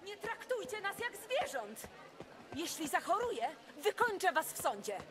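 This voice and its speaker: A woman's voice: very high-pitched, big pitch swings, measured pace, noisy background, full character voice. A woman voicing an indignant, panicky resident who complains shrilly in a dubbed video game. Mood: outraged, anxious. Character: indignant, panicky female resident demanding to go upstairs.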